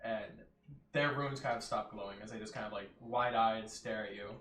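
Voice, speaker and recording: A man's voice: fairly low pitch, moderate pace, a bit bright, a little hiss or hum. A man running a tabletop game as game master, narrating casually. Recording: roomy, distant mic, music behind.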